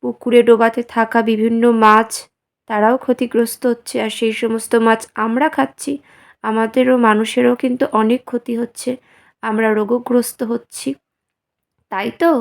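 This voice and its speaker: A woman teacher with a slightly high voice talks through a lesson at a slow, careful pace. She is feeling a little unwell, and she keeps asking the class questions and then answering them herself. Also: level tone, vocal fry. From West Bengal, India. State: feeling unwell, speaking slowly. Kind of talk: slow, simple classroom explanation.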